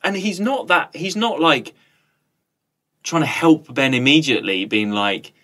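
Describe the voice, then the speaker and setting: A man co-hosting a podcast in casual chat, animated and quick to act out quoted lines. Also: a little high. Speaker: podcast co-host.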